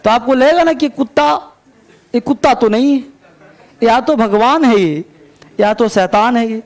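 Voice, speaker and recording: Male English teacher, high voice, gravelly, unhurried story reading with explanation. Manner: slow, deliberate reading of English lines, quicker asides. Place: coaching class.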